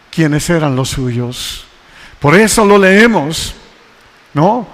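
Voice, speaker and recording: A male pastor preaching a sermon, calling out exhortations and reading scripture slowly with emphasis. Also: high-pitched. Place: church sanctuary. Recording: long church reverb.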